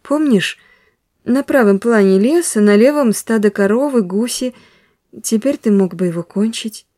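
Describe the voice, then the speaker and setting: A woman's voice: a little high, moderate pace, warm tone, dry recording, clean studio sound, close to an everyday voice. A woman voicing a restless young woman whose hurt reproaches rise toward tears. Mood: coaxing. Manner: tearful, rising reproach.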